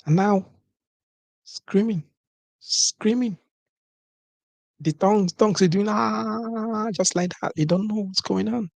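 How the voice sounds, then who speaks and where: A man with a gravelly, rough-edged voice riffs through a comedic monologue, jumping into little bits of dialogue between partners. He keeps checking in with his listeners as he goes. The sound is close and completely dry, with no room echo. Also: sits high, a little slow, pauses often. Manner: animated, acts out couples' dialogue, keeps asking "you understand?". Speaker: comedic commentator.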